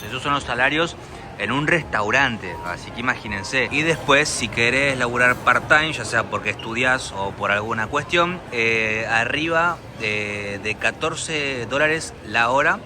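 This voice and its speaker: A young man with an Argentine accent chats to his viewers as he strolls through a city. His voice sits at an ordinary middle pitch, and clear traffic and street noise run behind him on the camera mic. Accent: Argentine Spanish. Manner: chatty, addresses viewers directly as friends. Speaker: travel vlogger. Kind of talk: casual walking travel vlog. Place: outdoors on busy city streets.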